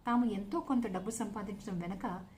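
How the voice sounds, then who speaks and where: A woman narrating a serialized novel aloud in a steady storytelling manner. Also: medium pitch, normal speed, a little hiss or hum.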